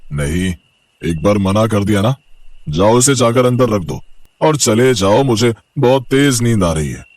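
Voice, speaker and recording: A man playing a grumbling, stingy husband and father who talks in a hushed voice. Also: lowish voice, lively intonation, a little slow. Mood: stern.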